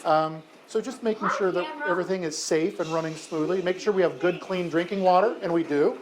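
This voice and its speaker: In a low-quality recording with crowd noise, a high-pitched, brisk American man in his fifties answers questions from an elementary school class. He's a mayor, friendly and chatty, with frequent ums and self-corrections.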